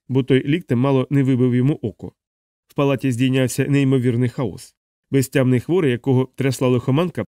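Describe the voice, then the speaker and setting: Dark-voiced male audiobook narrator. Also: mid-range voice, no room sound, studio quality. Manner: steady, even literary reading.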